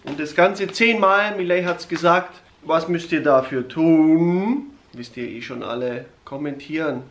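A man's voice: fairly high pitch, unhurried, a bit bright. A middle-aged man speaks casually as a family vlog host. He is recorded a little way from the camera in an echoey living room with faint noise. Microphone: camera a short distance away.

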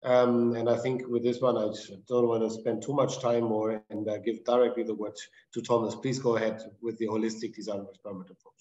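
Man, webinar moderator, halting delivery, mellow tone, dull lo-fi call audio. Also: fairly low pitch, level tone, reverberant. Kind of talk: introducing speakers at an online seminar. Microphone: video call.

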